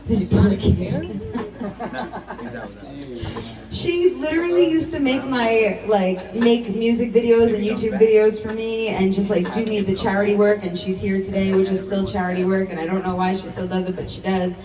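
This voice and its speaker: A woman's voice: mid-range voice, steady tone, moderate pace. Twenties woman hosting her party roast, loose and giggly; roomy far mic, crowd audible. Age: 20s. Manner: giggly, swearing, rambling. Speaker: birthday host and emcee. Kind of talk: casual emcee patter. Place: house party room with a crowd. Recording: roomy sound from a distant mic. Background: crowd laughter.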